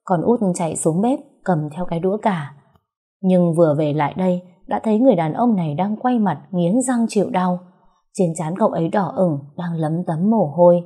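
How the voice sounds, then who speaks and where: Woman narrating a story in a dark, husky voice. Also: on the low side, moderate pace.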